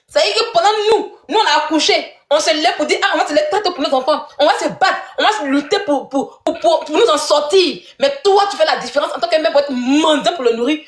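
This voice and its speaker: A woman in a heated live-stream rant, accusatory and scornful, breaking into mocking laughs. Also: sits high. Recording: roomy echo.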